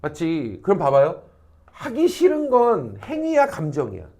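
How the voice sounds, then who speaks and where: A middle-aged man teaching high school social studies, lecturing in a lively way, acting out quoted people and checking in often with rhetorical questions. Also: normal speed. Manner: animated, acts out quoted people, frequent rhetorical check-ins, salty slang. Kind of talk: classroom lecture. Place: academy classroom.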